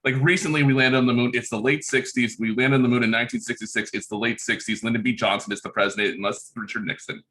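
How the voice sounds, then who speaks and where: A man's voice: medium pitch, steady tone, fast talker, few pauses, bright, forceful tone, natural voice. A man playing a rambling dad who keeps insisting it is the late sixties, in an improv comedy scene, full of ums and uhs. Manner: rambling, full of fillers, giggly.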